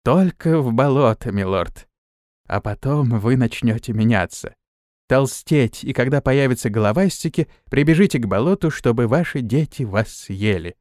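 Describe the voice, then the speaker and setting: A man voicing a young female servant who speaks in a quiet, flat, slow voice. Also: medium pitch, dry recording, clean studio sound, lightly acted.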